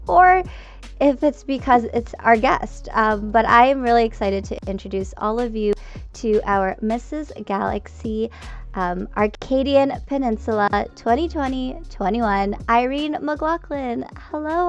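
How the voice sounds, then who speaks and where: A young woman hosts a casual interview over a video call. Her voice is fairly high and crackles with vocal fry. The recording is a little dull and lo-fi. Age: young adult. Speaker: host. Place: indoors, small home streaming setup. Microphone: headset, video call.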